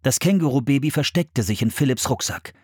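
Brief: male narrator, husky, lively melody, dry close sound. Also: mid-range voice, a little fast, dry recording. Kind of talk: audiobook narration.

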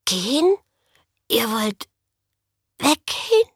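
A woman voicing a cheeky, talkative young girl in an audiobook, with bright, excitable speech. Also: on the high side, extremely slow, a little hiss or hum, full character voice. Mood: dismayed. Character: chatty, cheeky human girl, bubbly and outspoken. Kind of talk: audiobook character voice.

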